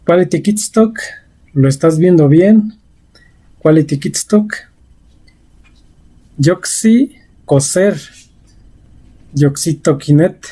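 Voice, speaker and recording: Woman language teacher, unhurried and careful, warm low-key tone, repeats each example. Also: breathy edge. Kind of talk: vocabulary lesson.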